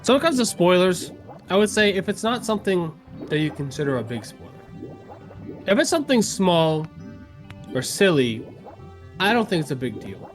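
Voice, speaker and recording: A man's voice: sits high, big pitch swings, moderate pace, pauses often, faint music behind. A man co-hosting a game stream, chatting casually and reading viewer comments, rambling and laughing often. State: choking a little on a coffee bean. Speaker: streamer co-host.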